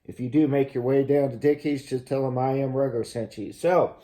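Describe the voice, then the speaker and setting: A man hosting a casual gear review, explaining things in a halting, measured way. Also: medium pitch, fairly even intonation, mellow. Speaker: host of a gear review channel. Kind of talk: casual product review to camera.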